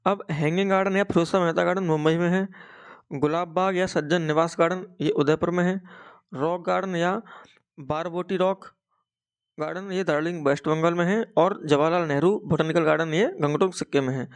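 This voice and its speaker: A man's voice: a little high, steady tone, brisk, clean tone. A young man with a Hindi accent teaching an exam-prep lesson, saying each fact twice as if for dictation.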